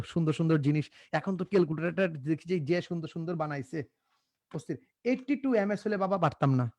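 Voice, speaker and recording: Young guy teaching a live class, kinda high voice, super dry close sound, jokes around, repeats stuff. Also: a little mellow, no room sound. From Bangladesh. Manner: casual, joking, repeats himself, coaxes students to answer.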